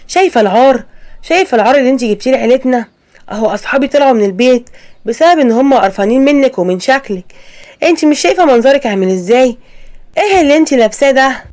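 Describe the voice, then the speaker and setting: A woman with an Egyptian accent voicing a snobbish, contemptuous older mother-in-law in an animated story. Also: high-pitched, rapid-fire, pitched above the performer's own voice. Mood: scolding. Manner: scolding, contemptuous.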